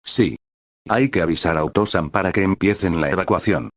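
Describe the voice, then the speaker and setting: A man's voice: sits low, brisk. A man voicing a young woman ninja who speaks with urgency. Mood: tense. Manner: tense, urgent.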